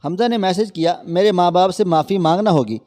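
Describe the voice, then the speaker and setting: Brief: male storyteller, slightly high voice, mellow and soft, earnest scripted narration.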